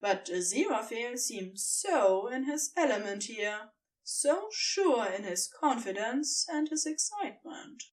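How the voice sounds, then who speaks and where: A woman narrates scripted fan fiction in a fairly high, expressive voice, her pitch swinging lively up and down. She reads at a measured pace, taking her time over the prose, and sounds some distance from the mic.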